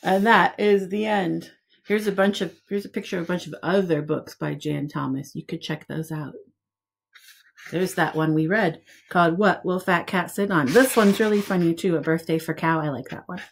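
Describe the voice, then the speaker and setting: Reading a picture book to young children, a woman in her forties who teaches preschool keeps her phrasing simple and expressive. She speaks at a normal pace in a lowish voice that has vocal fry and a breathy edge.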